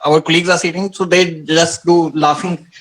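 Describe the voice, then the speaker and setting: A man's voice: a little high, little pitch movement, normal speed, fairly bright tone. A man taking part in a webinar, speaking politely and hesitantly with many fillers. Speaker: webinar participant. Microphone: video call.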